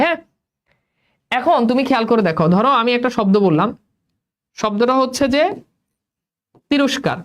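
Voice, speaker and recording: A young male teacher runs a spelling lesson in a fairly high voice. He keeps repeating his questions and urges the students to answer. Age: young adult.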